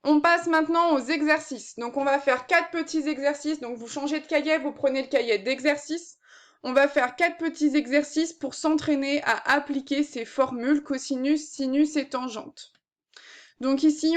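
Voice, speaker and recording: High-voiced woman teaching maths. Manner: patient, step by step, frequent fillers. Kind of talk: recorded maths lesson.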